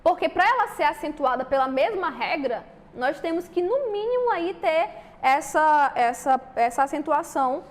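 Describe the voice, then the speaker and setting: A woman with a Brazilian Portuguese accent teaches an exam-prep grammar lesson in a high voice with lively intonation at a moderate pace. She explains things step by step and often checks in with her students.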